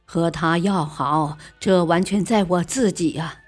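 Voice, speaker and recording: A lovesick young male scholar speaks in a lowered, coaxing tone with a husky grain. A woman voices him within a storybook reading. Faint music plays behind. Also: measured pace.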